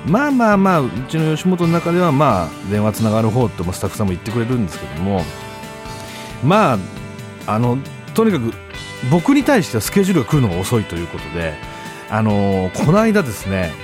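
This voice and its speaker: A man hosting a show as a comedian, telling stories in a loud, animated way in a casual monologue. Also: mid-range voice, fast talker, music in the background. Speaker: comedian host. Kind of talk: casual radio-style monologue.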